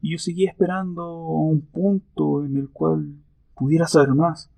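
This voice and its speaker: Brief: gravelly, fairly high male interview guest, reflective and hesitant, dry close sound. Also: level tone, warm tone, no room sound. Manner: thoughtful, reflective, with hesitant pauses. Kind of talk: conversational interview answers.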